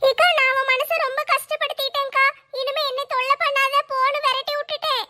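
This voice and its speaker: A woman's voice: very high voice, flat delivery, a little fast, pushed and bright, exaggerated voice. A woman voicing a shy, tearful young woman who speaks in a hesitant, pleading way. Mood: anxious.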